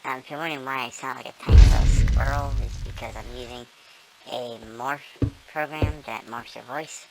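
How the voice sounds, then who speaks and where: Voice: steady tone, moderate pace, background noise. A person talking through a voice-morphing filter that makes them sound like a small squirrel, casually rambling through a gameplay tour with many ums and self-corrections. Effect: voice-morphing filter, squeaky and small like a squirrel. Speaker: gamer giving a tour of a build.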